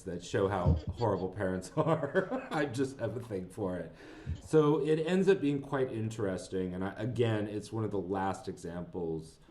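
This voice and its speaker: A man's voice: fairly low pitch, darkish tone. A man co-hosting a podcast, chatting casually about films, rambling and laughing as he retells scenes. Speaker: podcast co-host. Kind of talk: casual film discussion.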